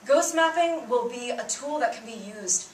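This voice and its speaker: A young woman, a student and native Bengali speaker, delivers a prepared public talk with earnest emphasis, her fairly high voice lifting at the opening of each point. Her intonation is lively and her pace normal. The mic sits at a distance, giving a roomy sound with a slight hiss or hum.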